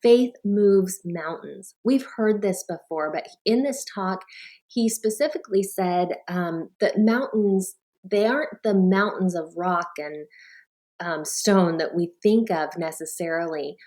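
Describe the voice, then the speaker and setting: A woman's voice: lowish voice, a little slow, a little mellow. Earnest woman telling a personal story. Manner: earnest storytelling, acts out her own thoughts. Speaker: life coach. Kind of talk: talk to an audience of moms.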